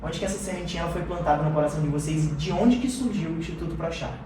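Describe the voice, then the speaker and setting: A man's voice: fairly high pitch, a little mellow, a little hiss or hum. A man hosting a casual podcast interview, enthusiastic and a little stumbling as he introduces his guest. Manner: enthusiastic, slow-paced, stumbling. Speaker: podcast host. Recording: echoey room, distant mic.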